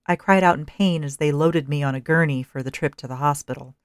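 A woman narrating a first-person story in a measured, dryly wry manner. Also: low-pitched, dry recording, clean studio sound.

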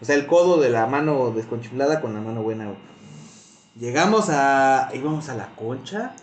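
A young Mexican man with a Mexican accent, telling a story in casual chat, slangy and animated, saying güey constantly. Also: medium pitch, moderate pace, reverberant, slight background noise.

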